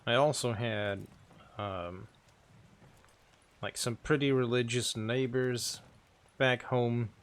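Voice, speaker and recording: A man's voice: mid-range voice, steady tone, takes it slowly, long pauses. A man in a Western role-play game, teasing his companions in an easygoing way and laughing often.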